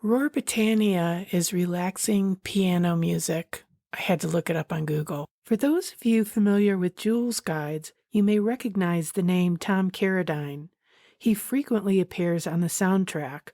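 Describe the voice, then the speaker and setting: A woman's voice: on the low side, moderate pace, warm tone, dry recording. A woman hosting a podcast interview, asking eager, admiring questions and adding friendly asides to listeners. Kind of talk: podcast interview and scripted narration.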